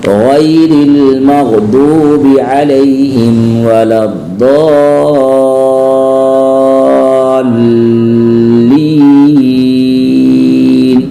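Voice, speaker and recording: A man teaching Quran recitation, slowly chanting verses, then explaining pronunciation in brisk speech with an Indian Urdu-Hindi accent. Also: mid-range voice, roomy sound. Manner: alternates slow melodic chanting with quick explanatory speech. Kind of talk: recitation lesson with spoken corrections.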